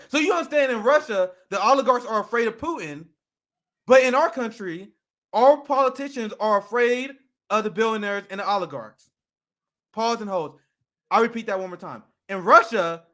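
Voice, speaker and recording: Heated high-voiced man ranting. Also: sharp tone. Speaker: co-host. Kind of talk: political commentary podcast.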